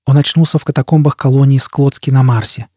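A man narrates an audiobook in a steady, measured reading. His voice is dark and husky, and the recording is dry and close, with no room sound. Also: mid-range voice, dry recording.

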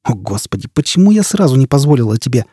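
A man voicing a fierce, furious young woman in an audiobook, raging and shouting. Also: mid-range voice, big pitch swings, fast, slightly rough, no echo, studio quality.

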